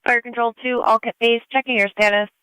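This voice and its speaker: A woman's voice: fairly high pitch, level tone, brisk, bright, forceful tone, clean tone, dry recording, rough recording. A woman dispatching fire and ambulance calls over two-way radio in formulaic announcements. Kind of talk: rapid scanner radio dispatch.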